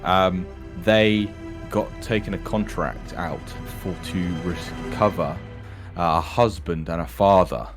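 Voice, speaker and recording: A man's voice: deep voice, takes it slowly, over music. A man hosting a tabletop role-playing session as dungeon master, introducing the players in a chatty, laid-back way. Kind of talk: casual tabletop game introduction.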